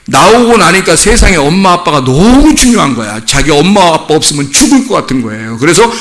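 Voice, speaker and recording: Male pastor, middle-aged, lively sermon delivery with a fairly high, bright voice; poses questions to the congregation. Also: a little fast. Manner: animated storytelling, acts out children's voices in high pitch.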